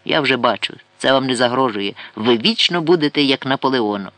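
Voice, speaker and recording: A man's voice: mid-range voice, lively intonation, brisk, pushed and bright, no echo. A man voicing a witty, mocking young adventurer with an ironic, mock-announcer delivery in an audiobook.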